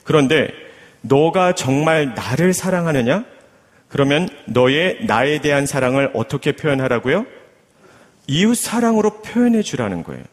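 A male pastor preaches to his congregation in an animated, questioning way. His voice sits high and swings widely from phrase to phrase. Long reverb from the church sanctuary trails behind him. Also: moderate pace. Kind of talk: sermon.

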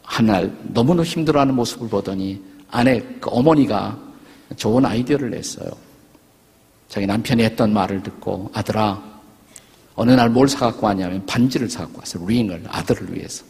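A man's voice: lowish voice, brisk, a little mellow, husky. A man in his sixties, a pastor telling stories in a sermon with an earnest manner. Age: 60s. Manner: earnest storytelling preacher. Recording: long reverb of a large church hall.

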